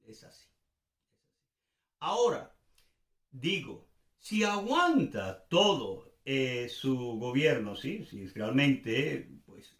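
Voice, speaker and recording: An older Venezuelan man with a Venezuelan accent speaks in a slightly high, fairly bright voice. As commentator and host, he gives informal, off-the-cuff commentary, searching for words and repeating phrases for emphasis. The room is echoey and reverberant.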